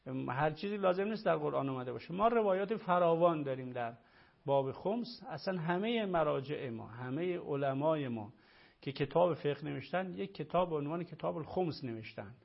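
A man, a religious scholar, answers a caller in a live discussion, his voice set a little high. He lectures emphatically and repeats his points. The audio is muffled and lo-fi. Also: lively intonation, vocal fry.

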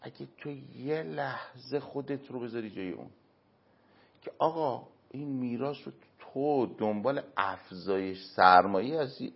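A man answering as an interview guest, giving earnest moral and religious advice through everyday examples, with emphatic pauses. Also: medium pitch, gravelly, slightly rough. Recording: dull lo-fi recording.

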